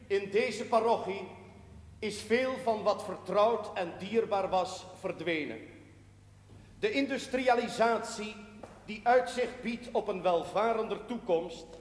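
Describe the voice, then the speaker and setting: In a period television drama, a male priest delivers a sermon in a high-pitched voice, solemn, measured, and declamatory. His words echo through a church-like hall with long reverb.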